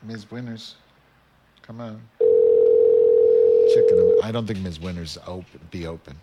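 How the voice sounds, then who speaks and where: A man's voice: sits low, unhurried, lo-fi sound, very noisy. A man hosting a radio show, brash and teasing, muttering to himself while he dials a phone. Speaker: radio host. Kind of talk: casual radio banter.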